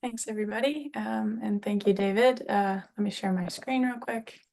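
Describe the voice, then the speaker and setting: A woman with a gritty, slightly hoarse voice that is partly giving out, giving an informal, explanatory scientific presentation. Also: medium pitch, moderate pace, a little mellow. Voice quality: gravelly, gritty voice. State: slightly hoarse, losing her voice. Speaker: invited speaker, climate researcher.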